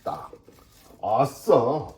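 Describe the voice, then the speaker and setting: This cooking vlogger, a middle-aged dad, makes kimchi at home and keeps up a casual running monologue, mumbling and joking to himself in the kitchen. He has a medium-pitched, somewhat dark voice with a sing-song lilt and stretched-out words, recorded in a roomy space with a little background noise.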